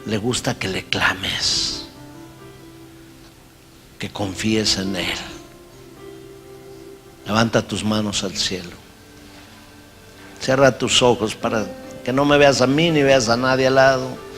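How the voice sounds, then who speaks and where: A male pastor preaching a sermon, slow and emphatic, rising into loud shouted cries. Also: fairly low pitch, steady tone. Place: large church hall. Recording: long hall reverb, faint music.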